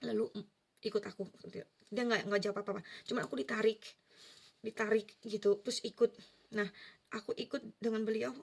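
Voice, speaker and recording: A woman's voice: a little high, fairly even intonation, fairly quick, gravelly, pauses often, slightly rough. A woman telling a personal spiritual story in earnest, casual first-person testimony, with vivid detail and easy fillers. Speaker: vlogger sharing a personal story.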